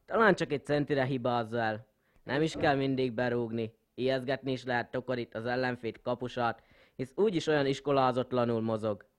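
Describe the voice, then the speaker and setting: A smug, partisan man played by an actor gives football commentary in a comic radio sketch. His phrasing is florid, with a sneer for the other side, in a medium-pitched voice. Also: steady tone, close to an everyday voice. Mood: admiring, smug. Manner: florid, flowery, sneering at opponents. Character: smugly biased male home-team football commentator. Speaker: sports commentator.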